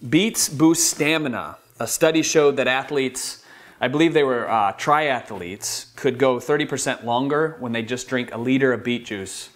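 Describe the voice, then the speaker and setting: A man's voice: medium pitch, normal speed. A man from Michigan hosting a health vlog, talking enthusiastically and casually about his favorite superfoods. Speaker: wellness channel host. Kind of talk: upbeat product-style health vlog.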